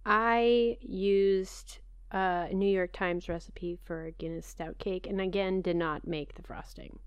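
A woman with a smooth, clear voice, recorded close and dry. She chats casually as a podcast co-host, with an animated, conversational manner. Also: mid-range voice, slow, no echo. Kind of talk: casual chat.

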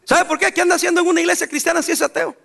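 A man from El Salvador with a Salvadoran Spanish accent, preaching a sermon in a church, emphatic, with bursts of laughter and loud outbursts. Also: very high-pitched, level tone, very fast, creaky. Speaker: pastor.

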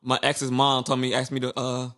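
A young man chatting casually, telling stories with lively acted-out reactions. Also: mid-range voice, normal speed. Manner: animated storyteller who acts out his own past reactions. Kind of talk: casual chat.

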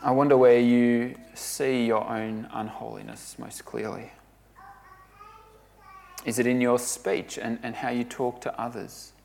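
A man preaching a sermon, earnest and emphatic, often dropping to a hush for weight. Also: mid-range voice, flat delivery, unhurried, vocal fry, slight background noise.

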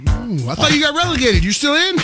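A man's voice: extremely high pitch, big pitch swings, quick pace, music in the background. A man co-hosting a sports radio show, teasing and joking in casual banter into a studio microphone.

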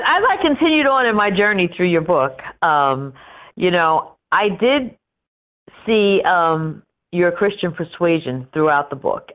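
Brief: female host, lowish voice, affirming, lots of "right, right", phone-line tone. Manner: affirming, repeats "right", fillers. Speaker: interview host. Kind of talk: conversational interview. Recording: tinny phone-line sound.

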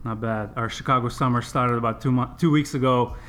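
A man's voice: mid-range voice, fairly even intonation, a little fast, a bit bright. A man hosting a casual sports podcast, chatty and informal, his speech slightly impeded by new braces. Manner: chatty, informal, addresses listeners directly. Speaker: podcast host.

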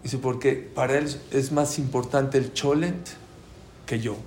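A man teaching a Talmud class to a live audience, lively and quizzing listeners with questions. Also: medium pitch, unhurried, a little hiss or hum. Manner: animated, asks the audience questions. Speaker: Torah teacher. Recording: roomy room with faint ambience.

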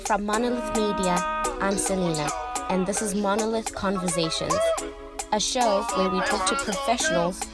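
A woman's voice: medium pitch, moderate pace, loud music behind the voice. A woman hosting an interview show, introducing her guest and asking questions in an upbeat way. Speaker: podcast host.

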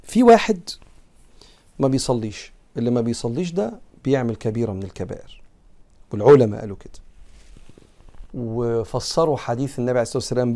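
A man's voice: medium pitch, creaky, mellow. A man with an Egyptian Arabic accent giving a religious lesson, moving between quoted classical text and earnest, conversational explanation. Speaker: preacher teaching a creed text.

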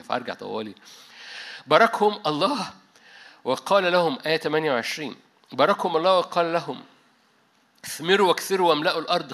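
A man with an Egyptian Arabic accent delivers a sermon in an animated style, slipping into English now and then. His voice sits a little high and rings with a bright, forceful edge. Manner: animated preaching with English asides and frequent restarts. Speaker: pastor. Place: church meeting hall.

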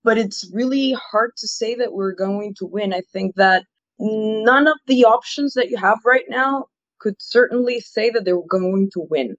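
An earnest woman gives her opinions in an interview, often backing up to restart a phrase. Her voice sits at an ordinary pitch. The sound is a little dull and very dry, with no room around it. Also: measured pace, a bit bright, no echo. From Ecuador. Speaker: political campaigner guest. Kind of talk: interview answers.

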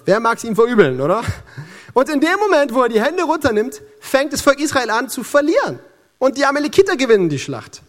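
A man with a Franconian accent preaching a sermon in a church, lively and joking as he talks straight to the congregation. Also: very high-pitched. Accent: Franconian German. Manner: lively, joking and conversational, addressing the congregation directly. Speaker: pastor.

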